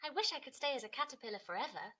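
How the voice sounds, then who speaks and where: A woman's voice: sits high, lively intonation, rapid-fire, sharp tone, slightly rough, pitched above the performer's own voice, heavily acted. A woman voicing a cautious, sweet-natured young female caterpillar in a children's storybook, wistful and hesitant. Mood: reluctant, wistful.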